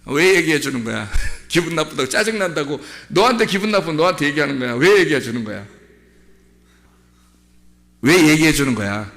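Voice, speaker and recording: Brief: male pastor, bright, lively sermon delivery, shouts at peaks, long church echo. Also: a little high, a little fast, vocal fry, long pauses. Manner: emphatic, rising to shouts, quizzing the congregation. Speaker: senior pastor. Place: church sanctuary.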